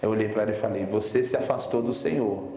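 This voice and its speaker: A young man from Brazil, a pastor telling a story in a Sunday sermon, swinging between loud urgent preaching and low, slow emphasis. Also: music in the background. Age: young adult. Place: church service.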